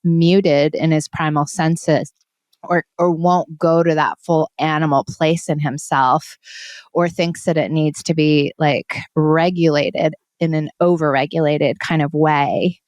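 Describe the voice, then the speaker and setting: A woman from Hawaii talks casually as a podcast co-host, her voice sitting a little low and the sound dry and close. She searches for words, restarting phrases and leaning on fillers. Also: fairly even intonation, slow pace, darkish tone, no room sound. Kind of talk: casual conversation.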